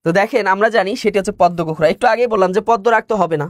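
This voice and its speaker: High-voiced Bangladeshi teacher, dry sound. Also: male voice, rapid-fire, no room sound. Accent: Bangladeshi Bengali. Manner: explanatory, repeats key words and asks the class questions. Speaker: exam prep teacher. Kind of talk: online exam-prep lecture.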